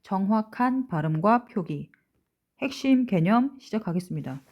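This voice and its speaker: A woman's voice: medium pitch, lively intonation, normal speed, darkish tone, lo-fi sound. Woman teacher drawing out key words. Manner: explains step by step, often checks with rhetorical questions; stretches out words and letter names when stressing them. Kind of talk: school lesson lecture.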